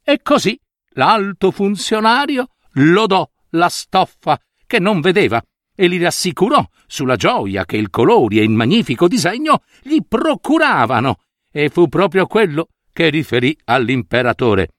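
A man reading a fairy tale aloud, expressive and playful, with occasional asides. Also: a little high, normal speed, no echo, studio quality. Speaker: storyteller.

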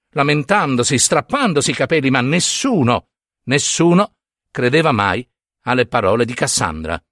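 A man reading a storybook aloud in an expressive, dramatic narration. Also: fairly high pitch, no room sound, clean studio sound.

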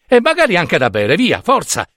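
A man's voice: on the high side, big pitch swings, normal speed, breathy edge, no echo, clean studio sound, pitched above the performer's own voice, exaggerated voice. Man playing a breathless flustered husband, raised voice, exasperated, audiobook story. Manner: panting, pleading then exasperated.

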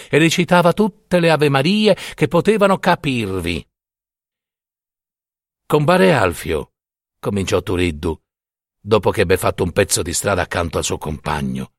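A man's voice: mid-range voice, dry recording, clean studio sound. A man narrating a classic short story in a dramatic, theatrical reading.

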